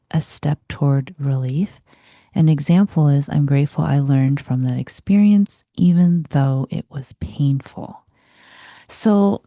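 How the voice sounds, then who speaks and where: A woman sharing reflective spiritual self-help thoughts as host, in a soft, breathy voice that often trails toward a whisper. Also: low voice, no room sound, studio quality. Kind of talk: reflective spiritual self-help talk, part reading aloud.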